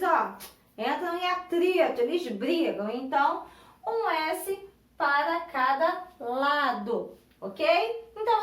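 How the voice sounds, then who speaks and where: A Brazilian woman teaching a grammar lesson in a classroom, patiently breaking words into syllables and repeating them. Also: high voice. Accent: Brazilian Portuguese. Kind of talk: recorded online classroom lesson. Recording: echoey room, voice from a distance.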